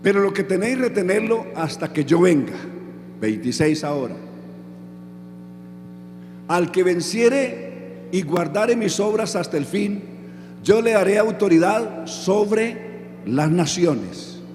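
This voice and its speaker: A man's voice: high voice, lively intonation, slow, pauses often, noisy background. A man preaching a sermon who keeps asking the audience questions and then answers them himself. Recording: echoey hall with music underneath.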